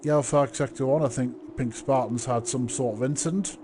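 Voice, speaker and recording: A man commentating live on a motor race, calling the action in drawn-out phrases. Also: medium pitch, noisy background. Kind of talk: live online sim racing commentary.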